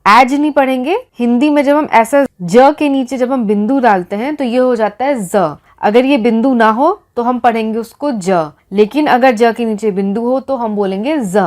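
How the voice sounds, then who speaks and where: A woman teaching English pronunciation, reading word lists slowly and explaining each one. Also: on the high side, a little mellow. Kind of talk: slow classroom-style explanation.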